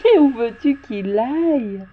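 A woman's voice: a little high, lively intonation, slow pace, phone-quality sound, a little hiss or hum. A woman voicing a curious, stubborn little boy prince in a storybook reading, with a childlike, insistent way of asking. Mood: wondering.

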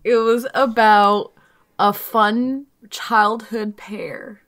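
A woman's voice: a little high, fairly even intonation, very slow, a bit bright. Giggly young woman rambling on a podcast. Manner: giggly, rambling, breaks into laughter. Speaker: podcast co-host. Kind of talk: casual chat.

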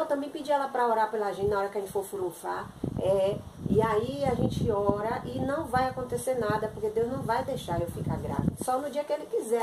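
A woman doing a one-sided comic phone sketch, talking in a chatty, pleading and exasperated way. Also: fairly high pitch. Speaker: content creator acting a comic sketch. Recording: echoey room with loud background noise.

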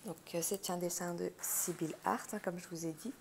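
A woman with vocal fry and a gravelly morning voice, chatting through an unboxing and thinking aloud. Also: lowish voice, steady tone, moderate pace, darkish tone. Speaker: craft unboxing host. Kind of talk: casual unboxing chat. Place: indoors at a wooden table. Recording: handling clicks and crinkling noise. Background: crinkling plastic, clicks.

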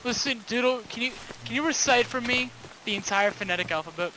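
A man's voice: very high voice, fairly quick. A young man trading casual banter with teammates during an online game. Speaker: gamer. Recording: noisy game voice chat.

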